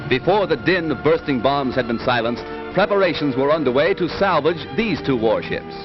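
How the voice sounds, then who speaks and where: Newsreel announcer, male, rousing declamatory read, fairly high voice, dull old film sound with music under it. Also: expressive, normal speed. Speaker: newsreel narrator. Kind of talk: dramatic 1940s newsreel narration.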